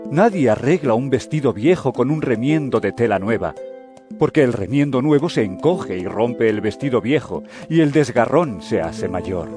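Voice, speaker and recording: A man playing Jesus as a calm, earnest male teacher in a dramatized audio Bible, speaking in a measured way. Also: medium pitch, close to an everyday voice. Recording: music bed behind voice. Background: background music.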